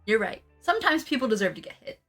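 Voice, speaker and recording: A woman's voice: a little high, sing-song, fast talker, a bit bright, slightly rough, faint music behind. A woman hosting a casual livestream in a jokey, giggly, mock-professional way. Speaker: livestream host. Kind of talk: casual comedic livestream chat.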